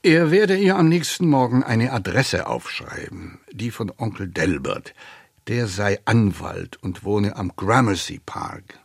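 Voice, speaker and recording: A man narrating a literary audiobook in a measured, expressive storytelling manner. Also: lowish voice, vocal fry, husky, dry recording, clean studio sound.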